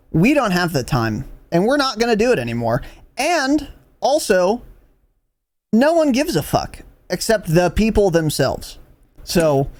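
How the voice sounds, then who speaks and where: Animated, profane young podcast host. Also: male voice, a little high, dry recording. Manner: profane, mock-exasperated, jokey. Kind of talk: casual podcast chat.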